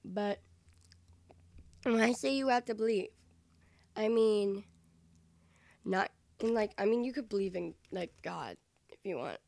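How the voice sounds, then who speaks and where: A woman's voice: medium pitch, lively intonation, measured pace, creaky, long pauses, darkish tone, no echo. A woman vlogging casually into a microphone, goofy and rambling with frequent self-interrupting asides. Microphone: desk microphone.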